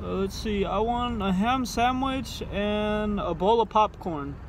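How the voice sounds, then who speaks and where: A young adult man with a high-sitting voice speaks unhurriedly while prank-calling drive-thru workers from a car parked at night. A phone held close in front of him picks up the car interior, with faint noise.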